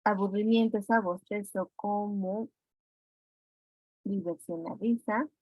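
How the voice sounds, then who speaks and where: A woman's voice: medium pitch, steady tone, takes it slowly, darkish tone, dry recording. A woman teacher with a Mexican Spanish accent goes through exam answers step by step and calls on students with questions. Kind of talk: classroom exam review. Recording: dry, dull lo-fi sound.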